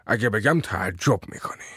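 A man reading a story aloud, voicing a sly middle-aged male businessman who hedges and speaks in a low, hushed tone. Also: lively intonation, slightly rough, no echo, studio quality, heavily acted. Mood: cagey. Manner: hesitant, dodging with fillers, low and hushed.

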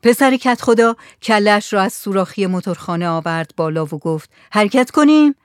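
An audiobook narrator reading a story in a steady, measured way. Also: medium pitch, smooth, no echo, studio quality. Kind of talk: scripted narration.

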